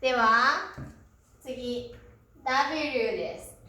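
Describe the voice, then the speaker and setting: A woman teaching a pronunciation lesson, who says each syllable slowly and clearly and fills pauses with a soft "un". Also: a little high. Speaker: Japanese teacher. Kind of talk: slow, deliberate pronunciation lesson. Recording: very echoey room.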